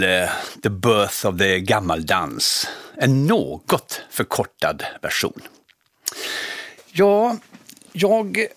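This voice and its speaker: A middle-aged man, hosting a radio show and telling stories his acting career in a lively way. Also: mid-range voice, dry recording, studio quality. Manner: animated, acts out quoted voices. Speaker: radio host telling his life story. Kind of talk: casual storytelling.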